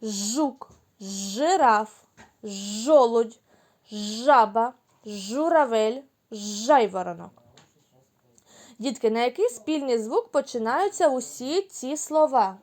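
A kindergarten teacher, a woman with a slightly high voice, leads little children through a sound game. She speaks slowly and clearly in a sing-song way, stretching her words for the kids. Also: lively intonation, a little mellow. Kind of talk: phonics lesson for small children.

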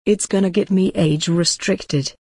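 A synthetic female voice playing an indignant, easily outraged pupil in an animated video. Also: lowish voice, measured pace, breathy edge, no room sound. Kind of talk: animated school video dialogue.

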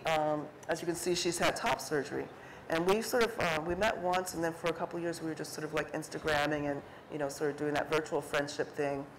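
A middle-aged woman with a low-pitched voice speaks on stage at an indoor art fair talk, an artist on a panel chatting casually before an audience about her photography. Her talk is full of fillers and restarts, and she acts out quoted remarks as she goes. The audio is poor, with slight background noise.

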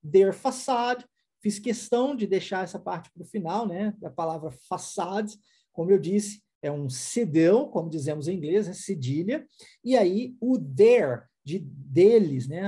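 A man's voice: high-pitched, mellow, breathy edge. A Brazilian man with a Brazilian Portuguese accent, teaching an online English lesson and explaining patiently with frequent tag questions.

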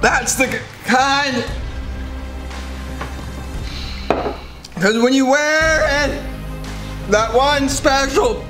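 A young man reciting haltingly in a strained way, his mouth burning from spicy food during a food challenge. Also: extremely high pitch, music in the background, rough recording. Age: young adult. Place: indoor dining room, camera across table.

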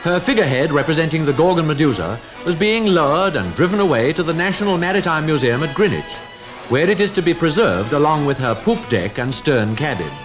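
A man giving scripted narration for a 1940s newsreel, in a solemn, formal, measured voice over an old archive soundtrack. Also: on the high side, very animated, over music.

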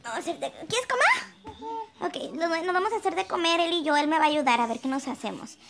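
A young woman with a Mexican accent chatting lively to her followers at home in a casual vlog. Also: high-pitched, fast talker, creaky, heavy background noise. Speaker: vlogger and mother.

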